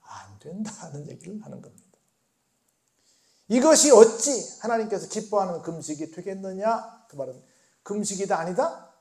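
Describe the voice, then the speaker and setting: A male pastor preaching a sermon at a midweek prayer meeting. He talks to the congregation in a conversational way, asking questions and answering them himself, and moves between loud emphatic bursts and quiet asides. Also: high voice, expressive, moderate pace.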